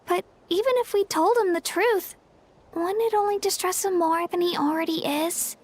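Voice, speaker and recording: A woman's voice: very high-pitched, normal speed, slight background noise. A woman voicing a small, earnest, kind fairy companion with a girlish voice in a video game. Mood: earnest concern. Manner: earnest, gentle.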